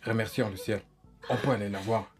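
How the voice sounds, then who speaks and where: A woman voicing a doctor who calms and reassures a worried relative, in a French film dub. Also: very deep voice, a little fast, faint music behind. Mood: reassuring. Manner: calming, reassuring. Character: calm doctor delivering good news.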